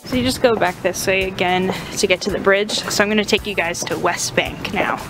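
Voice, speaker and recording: A woman's voice: mid-range voice, brisk, music in the background, rough recording. A young adult woman giving a chatty, informal walking tour of a campus as a vlogger, recorded outdoors. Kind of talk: casual walking vlog chat.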